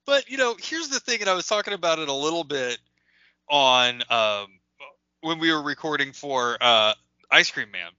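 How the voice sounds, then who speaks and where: A man's voice: fairly high pitch, lively intonation, normal speed, bright, forceful tone, dry recording. A man co-hosting a podcast, chatting eagerly about a movie with stammered restarts and lots of "like.". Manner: enthusiastic, stammering restarts, says "like" a lot. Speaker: podcast co-host. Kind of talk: casual movie review chat. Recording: dry, dull lo-fi podcast audio.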